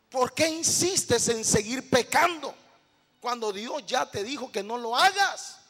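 High, gravelly impassioned pastor. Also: male voice. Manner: impassioned, pleading preaching that swells to shouting. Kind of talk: sermon. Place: church sanctuary. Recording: long church hall reverb.

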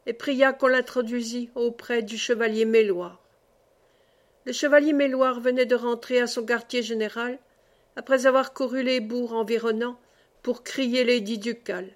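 A woman reading a classic novel aloud as an audiobook narrator, in measured storytelling. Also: a little high. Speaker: audiobook reader.

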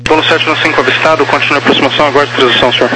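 A man working as an air traffic tower controller, giving clipped procedural clearances over crackly aviation radio. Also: on the high side, fairly even intonation, rapid-fire. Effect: crackly two-way aviation radio.

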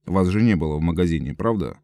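A man's voice: deep voice, lively intonation, fast, mellow, no room sound, clean studio sound. A man voicing a stern police officer who questions a witness in a curt, official way, in an audiobook.

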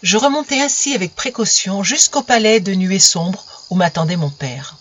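A woman reading a fairy tale aloud in an expressive, dramatic storybook style, in a dull lo-fi recording. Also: medium pitch, moderate pace, breathy edge.

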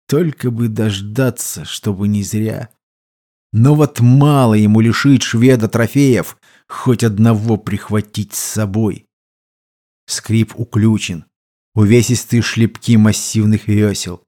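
Brief: male audiobook narrator, mellow warm tone, measured delivery. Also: medium pitch. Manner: steady, measured storytelling. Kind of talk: scripted narration.

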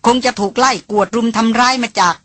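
Woman reading a sharp-tongued young heroine. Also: fairly high pitch, fairly even intonation, brisk, no room sound. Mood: explaining. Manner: scolding, sarcastic. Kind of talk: audiobook character reading.

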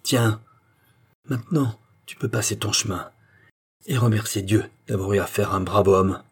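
A man's voice: fairly low pitch, unhurried, husky. A man voicing a grieving, furious peasant man who bitterly accuses the man he holds responsible for his mother's death. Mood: bitter anger.

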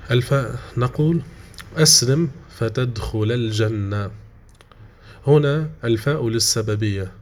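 Male grammar teacher, mid pitch, steady classroom delivery, repeats each example, frequent pauses. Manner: patient, repeats examples and restates points; frequent hesitations with drawn-out fillers.

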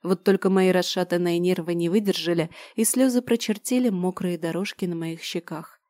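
A woman reading a novel aloud in the first person, calm and measured. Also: on the low side, dry recording, clean studio sound. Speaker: audiobook narrator. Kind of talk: first-person audiobook narration.

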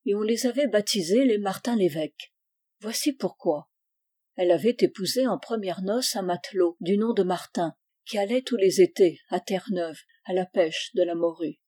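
A woman narrating a classic literary short story in a measured, even reading voice. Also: mid-range voice. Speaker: reader.

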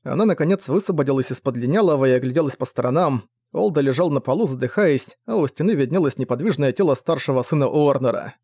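A man's voice: medium pitch, mellow, no room sound. Male audiobook narrator, dry close sound. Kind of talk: scripted narration.

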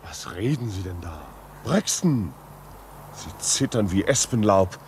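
A genial, chuckling visiting gentleman. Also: fairly low pitch, measured pace, husky, full character voice. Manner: lively, chuckling, coaxing. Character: curious, genial visiting gentleman, brisk and reassuring. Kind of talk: classic radio drama acting.

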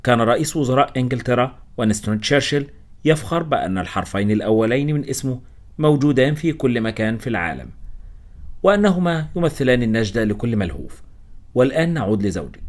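A man narrating a first-person story as a scripted audiobook reading, with a steady storytelling manner. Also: mid-range voice, fast.

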